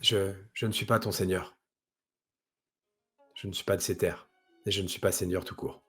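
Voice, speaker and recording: Man, tabletop player, lowish voice, improvised role-play, hesitant, thinking aloud. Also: little pitch movement, moderate pace, a bit bright, husky, soft background music.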